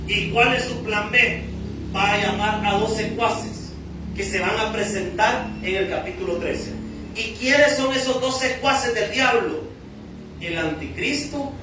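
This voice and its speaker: A high, sharp-toned Salvadoran pastor with a Salvadoran Spanish accent delivers a teaching sermon in a big, echoing church hall, asking his own questions and then answering them. He is recorded from some distance off the mic, with a faint room hum in the background.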